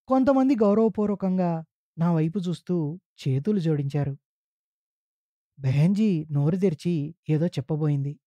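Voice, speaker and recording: A male podcast storyteller reading a literary story aloud in a slow, solemn and deliberate way. His voice is very dark and mellow. The recording is close and dry. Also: on the high side, no room sound. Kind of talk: scripted story narration.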